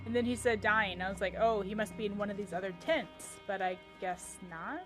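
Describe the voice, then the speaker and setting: A woman's voice: medium pitch, brisk. A woman giving casual live gameplay commentary, musing aloud as she plays. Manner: musing aloud, reads dialogue choices aloud. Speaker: game streamer. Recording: faint game music behind.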